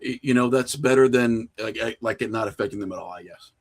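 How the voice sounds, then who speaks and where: A middle-aged man, a horror filmmaker and writer, chats casually as a podcast guest in an interview, candid and self-mocking with loose profanity. He talks fast in a lowish, slightly mellow voice.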